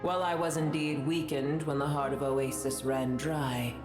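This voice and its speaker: An actress playing an ancient, haughty dragon sovereign who scorns humans, speaking in an imperious, formal, deliberate way in a video game. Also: female voice, low voice, level tone, lightly acted. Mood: stern, dismissive. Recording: roomy echo with music underneath.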